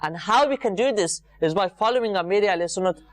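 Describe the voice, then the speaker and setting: His high voice moving a little fast with no room sound, a religious programme presenter speaks sincerely and informally to viewers, using repetition for emphasis.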